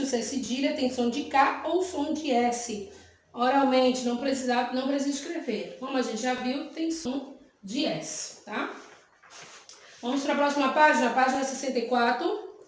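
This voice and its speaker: A woman teacher with a Brazilian Portuguese accent who patiently explains exercises to young pupils, often checking in with them. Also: high voice. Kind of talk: remote classroom lesson, explaining exercises. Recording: very echoey room.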